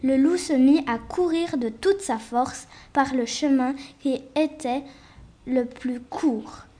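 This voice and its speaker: A woman reading a fairy tale aloud slowly and carefully, with small restarts. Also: high-pitched, dark tone.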